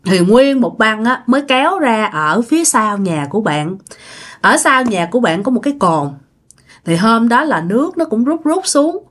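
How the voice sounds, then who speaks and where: A woman's voice: a little high, sing-song, moderate pace, a bit bright. A woman telling a ghost story in a chatty way, talking straight to her listeners. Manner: chatty, addresses listeners directly.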